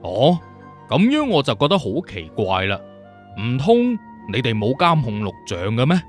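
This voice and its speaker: 一個男人用粵語有聲小說嘅方式演戲，扮一個自信、講嘢直接、冇耐性又不停追問嘅刑偵顧問。佢把聲中等音高，音調起伏好大，語速正常，語氣強勢、直率、帶質問同探究意味。背景有隱約音樂。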